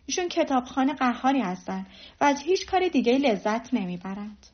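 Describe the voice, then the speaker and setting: A woman's voice: high-pitched, very animated. A woman voicing a sneering snobbish young lady. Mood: scornful. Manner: mocking, scornful. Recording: dull lo-fi recording.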